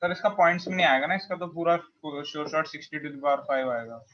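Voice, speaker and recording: A man's voice: fairly high pitch, moderate pace, lo-fi sound. A male student giving short answers to his teacher.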